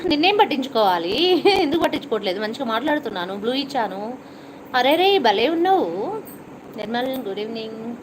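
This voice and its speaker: A middle-aged woman hosts a live stream, chatting and teasing her viewers as she reads out their comments. Her voice sits a little high, with a slight cough. Steady noise and passing vehicles run behind her. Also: a little fast, long pauses. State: has a cough.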